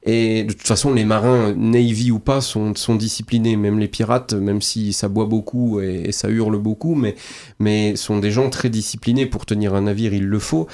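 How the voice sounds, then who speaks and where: A man's voice: on the low side, steady tone, moderate pace, a little mellow. A man, the guest poet and author, talking at length on a radio show, with many restarts and repeated words, then lyrical turns of phrase. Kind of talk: radio interview talk. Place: radio studio.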